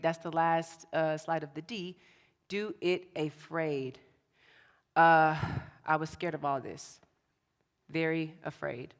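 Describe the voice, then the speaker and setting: A young adult woman giving an energetic motivational talk to a youth audience in an event hall, repeating her key phrases in a chatty way. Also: lowish voice. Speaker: motivational speaker.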